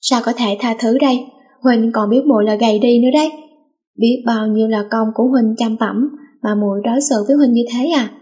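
A woman's voice: on the high side, a little fast, mellow, close to an everyday voice. A woman voicing a young man who teases and threatens his little sister in a read-aloud story. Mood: threatening. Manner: mock-threatening. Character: teasing older brother, young man, threatening.

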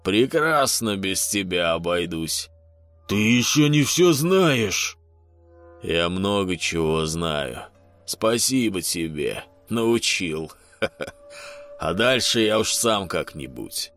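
A man voicing a mad bearded stepfather who switches between a booming, furious voice and a raspy, mocking one, in an audiobook. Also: big pitch swings, slow, a bit bright, faint music behind, full character voice. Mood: raging. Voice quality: shifts between booming rage and raspy mockery. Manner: unhinged, gloating, sing-song. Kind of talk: audiobook character voice.

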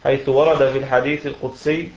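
A man reading a commentary aloud in a lesson, steady and measured, pausing at each phrase. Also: mid-range voice. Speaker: student reader. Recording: dull echoey lo-fi recording.

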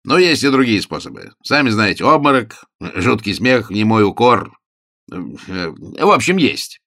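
A man reading a novel aloud, voicing a genial, mischievous older gentleman in a hearty, emphatic manner. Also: lowish voice, very animated, unhurried, creaky, heavily acted. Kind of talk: audiobook character voice.

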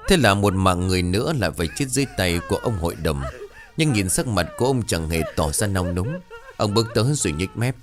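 Low-voiced male ghost story narrator. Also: animated, over music. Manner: dramatic, measured storytelling.

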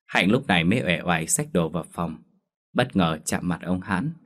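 A man narrating a dramatic family story in a steady, measured storytelling manner. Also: deep voice.

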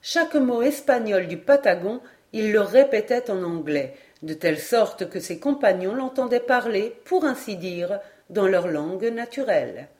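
Female audiobook narrator, clear measured storytelling. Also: mid-range voice, lively intonation, a little mellow. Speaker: audiobook reader. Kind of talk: scripted narration of a classic novel.

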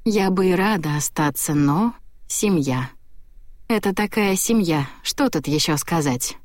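A woman narrating a first-person audiobook with lively, ironic storytelling. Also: lowish voice, measured pace, dry recording, studio quality.

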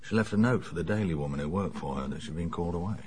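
Low-voiced, dry English police inspector, played by a man. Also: rapid-fire, a little mellow, natural voice. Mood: briskly reporting. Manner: dry, sardonic, matter-of-fact. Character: gruff, dry-witted English police inspector, middle-aged. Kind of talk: radio drama acting.

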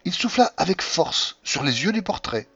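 A man reading a classic novel aloud as an audiobook narrator, with expressive storytelling delivery. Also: a little high, moderate pace, breathy edge, dry recording. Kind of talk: scripted literary narration. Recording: dull lo-fi audio.

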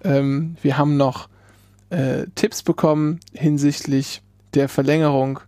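A man with a fairly high voice chats casually as a podcast co-host. He talks haltingly, working out his thoughts aloud. The sound is close and dry, with no room on it. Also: level tone, dark tone, no room sound. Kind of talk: casual chat.

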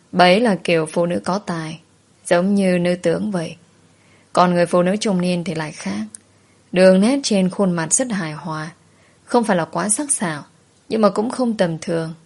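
A woman narrating a story in first person, steady and plain. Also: lowish voice.

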